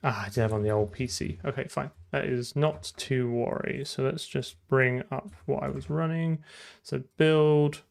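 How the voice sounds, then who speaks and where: This man's voice is mid-range and gravelly, with a steady tone and normal pace. He's a programmer streaming game development live, casually narrating his code while muttering and trailing off partway through his thoughts.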